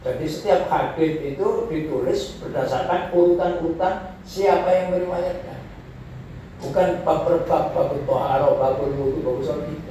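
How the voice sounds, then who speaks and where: A man teaching Arabic grammar in a classroom lecture, slowly repeating Arabic phrases to show how the intonation rises and falls. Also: a little high, dark tone. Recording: echoey room, voice from far off, faint noise.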